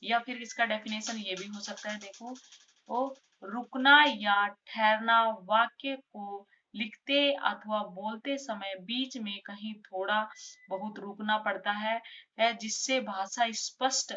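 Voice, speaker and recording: A woman's voice: mid-range voice, bright, forceful tone. A woman teaching in a casual classroom way, repeating each rule in simpler words and stressing the example sentences. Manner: stresses example sentences, saying them slowly. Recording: dull lo-fi recording.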